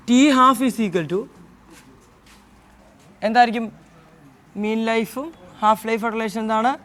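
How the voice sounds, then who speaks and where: High-voiced male tutor quizzing himself. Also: fairly bright tone. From Kerala, India. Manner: asks questions and answers them himself; mixes English terms into Malayalam explanation. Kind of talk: exam answer-key lesson.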